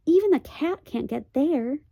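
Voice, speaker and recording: A woman's voice: high-pitched, expressive, measured pace, vocal fry, no echo, lo-fi sound, pitched above the performer's own voice, full character voice. A woman voicing an anxious young boy who speaks earnestly and urgently.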